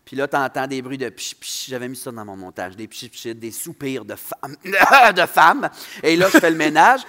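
A man with a Saguenay Quebec French accent, a drag performer telling stories as a guest in animated, swearing casual talk. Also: medium pitch. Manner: animated, swearing, quick laughter. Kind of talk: casual podcast storytelling.

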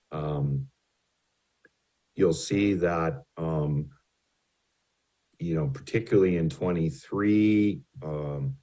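A utility rate consultant walks a city council through financial slides in a low, warm voice. He's hesitant, with lots of ums and restarts, and remarks that his voice tends to carry.

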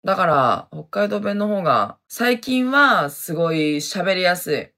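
A woman's voice: lowish voice, very animated, a little slow, a bit bright. A woman hosting a podcast in a casual solo chat, reading listener messages, laughing often and breaking into little sung jingles. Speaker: podcast host.

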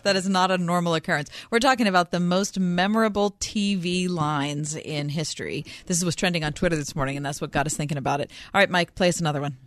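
A woman's voice: fairly low pitch, quick pace, few pauses, no echo. Enthusiastic woman co-hosting radio, dry sound. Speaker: radio show co-host. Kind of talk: casual studio chat. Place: radio studio.

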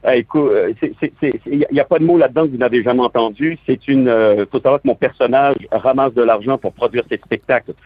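A man's voice: mid-range voice, fast, few pauses, dry recording. A man from southern France with a Quebec French accent, a stage actor talking as a radio guest over the phone, hesitant and reflective with many restarts. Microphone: telephone. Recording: tinny phone line.

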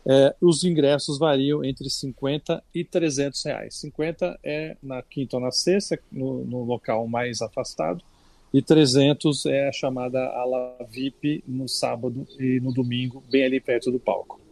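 A man's voice: mid-range voice, unhurried, creaky, no echo. Chatty older Brazilian man on radio. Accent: Brazilian Portuguese. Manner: relaxed, chatty with frequent restarts. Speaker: culture critic. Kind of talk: radio culture segment chat.

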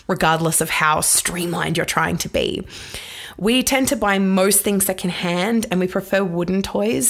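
A woman with a lowish, husky and rather sultry voice, gravelly with creak from a hoarse, congested throat. She presents a podcast in a chatty, informal style with a dry, wry touch. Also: a bit bright. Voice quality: husky, throaty voice from hay fever. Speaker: podcast host. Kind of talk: casual scripted podcast narration.

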